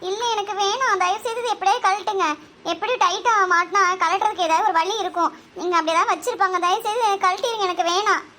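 A woman voicing a young cartoon woman who talks in a soft, tearful, pleading way. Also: very high voice, fast. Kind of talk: cartoon voice acting.

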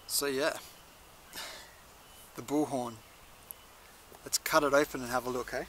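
The young adult host of a chilli review video talks to camera in a leafy garden, keeping things casual and laid-back. He speaks at a measured pace, with a medium-pitched, steady and fairly bright voice, and there's slight background noise.

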